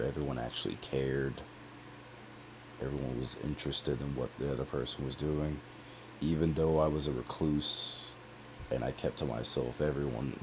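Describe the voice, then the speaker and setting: Very deep and gravelly, this young man's voice comes through dull lo-fi headset audio with a faint hiss. He's a streamer casually telling a personal story on a livestream, rambling and profane, with plenty of asides.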